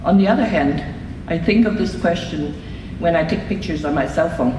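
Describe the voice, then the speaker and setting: Here the same kind of scene: a Hong Kong woman of advanced years, her pitch fairly low, delivers a written acceptance speech for an award in a thoughtful, unhurried manner. The microphone sat far off in an echoing reception hall full of background noise.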